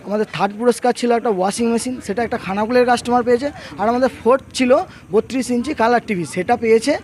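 A man's voice: very high voice, fast talker, a little mellow. A man with a West Bengal Bengali accent giving a promotional interview as a shop owner, emphatic and repetitive, mixing in English words. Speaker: mobile showroom owner. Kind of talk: promotional interview, recapping a prize draw.

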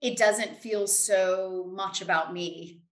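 Joining an interview by video call from a room at home, this middle-aged American finance expert gives confident, emphatic, conversational answers. Her mid-range, slightly bright voice moves slowly with fairly even intonation. The desk-distance computer mic captures a roomy, echoing sound.

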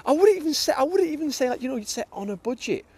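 A middle-aged man with a British English accent races through a casual, enthusiastic chat about fishing tackle on a lake bank, frequently repeating words at the start of sentences. His very high voice swings widely in pitch and has a darkish tone.

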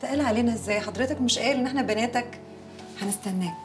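A woman's voice: fairly high pitch, rapid-fire, music in the background, lightly acted. A young woman with an Egyptian accent, playing a patient in a TV drama in a subdued, shy manner. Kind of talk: TV drama acting.

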